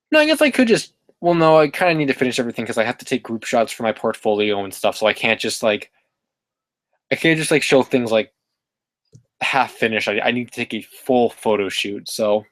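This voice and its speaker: A man hosts a casual live stream, reading chat and rambling with plenty of fillers and self-corrections. His voice is mid-range and the recording is dry.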